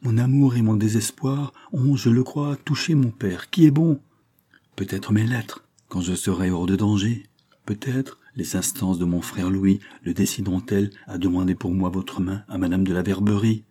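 A passionate young nobleman in a classic audiobook, voiced by the male reader. His deep, husky voice rises as he declaims, dark in tone and full of feeling. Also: fairly even intonation, moderate pace. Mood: hopeful. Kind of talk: audiobook reading of a classic novel.

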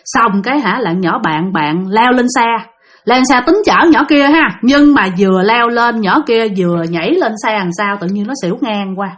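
A woman's voice: on the high side, animated, moderate pace. A woman telling a ghost story in a casual, chatty way, addressing listeners directly.

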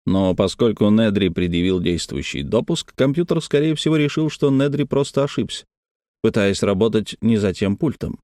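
A man reading a novel aloud in a low, steady voice. The narration is even and measured, recorded dry and close with no room sound. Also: no room sound. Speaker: audiobook reader. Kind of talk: scripted narration.

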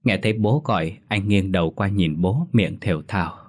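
Low-voiced man narrating a ghost story. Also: normal speed. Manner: steady, dramatic storytelling. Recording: faint music underneath.

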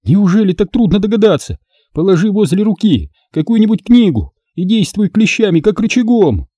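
A man's voice: sits high, very animated, normal speed, dark tone, slightly rough, no room sound, pitched above the performer's own voice, full character voice. A male reader voicing a furious, bossy young woman in pain who scolds and gives orders sharply. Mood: scolding.

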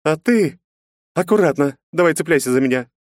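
A man voicing a brisk, caring young heroine who speaks in quick exclamations, in a storybook reading. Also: on the high side, expressive, no echo, clean studio sound, voice pushed up, lightly acted.

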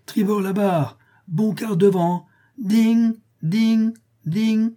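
A man's voice: sits high, steady tone, extremely slow, voice pushed up. A man voicing an eager young boy who pretends to be a steamboat, calling out commands and bell sounds in an audiobook reading. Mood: playful, shouting. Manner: shouted commands and bell noises.

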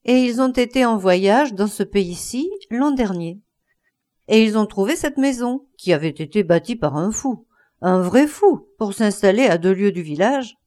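A woman voicing an old, pious and stern female housemaid in a storybook reading, curt at first, then telling her master's story in a lowered voice. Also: lively intonation, unhurried, darkish tone, natural voice. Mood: confiding. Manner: dry, curt, then confiding.

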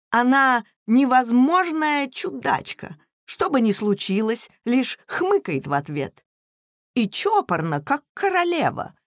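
A woman's voice: medium pitch, no echo, studio quality. A woman reading the lines of a gloomy, complaining middle-aged husband in a storybook. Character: grumbling middle-aged husband, turning forty.

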